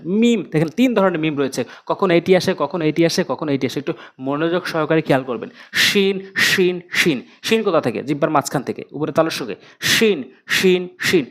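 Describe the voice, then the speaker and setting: A Quran recitation teacher gives a tajweed pronunciation lesson. The teacher drills each letter sound slowly, repeating it several times, and earnestly urges viewers to pay attention. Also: medium pitch.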